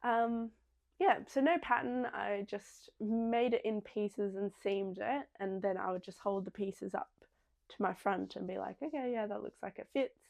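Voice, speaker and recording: A woman's voice: medium pitch, little pitch movement, unhurried, gravelly, a little mellow. A young woman hosting a podcast, chatting casually and rambling with many ums and small restarts. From Australia. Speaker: podcast host. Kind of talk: casual chat.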